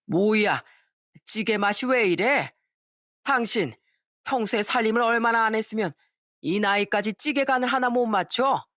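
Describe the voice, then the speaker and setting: A woman's voice: on the high side, normal speed, dry recording, studio quality, voice pushed up, natural voice. A woman playing a furious old father-in-law. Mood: angry scolding. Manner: scolding, berating, shouting. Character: angry stingy father-in-law in his sixties.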